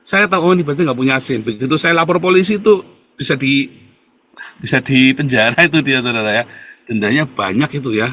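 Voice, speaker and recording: A vlogger from Indonesia, a man in his forties, speaks at medium pitch, fairly quickly, with a sharp tone. He is abroad rather than in his pictured home country, delivering an emphatic, repetitive, defiant monologue to viewers and laughing now and then.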